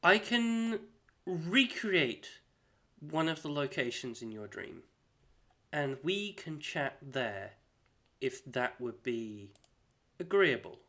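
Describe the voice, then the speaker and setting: A man playing a soft-spoken, courtly archfey. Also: fairly high pitch, sing-song, slow pace, exaggerated voice. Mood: gracious. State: has a cold. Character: incredibly powerful ancient fey lord.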